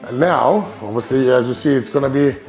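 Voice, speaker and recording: A Lithuanian man hosts his casual cooking vlog in English, a language that isn't his first, and his Lithuanian accent comes through. His medium-pitched, darkish voice runs a little fast as he hunts for words, with lots of ums and restarts. Soft music plays in the background.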